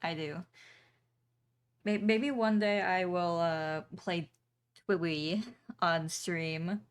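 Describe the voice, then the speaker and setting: Slow, low-voiced woman chatting on stream. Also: clean tone. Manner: relaxed, chatty, reads chat aloud, frequent ums and small laughs. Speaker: streamer and artist. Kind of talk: casual chat while drawing on stream.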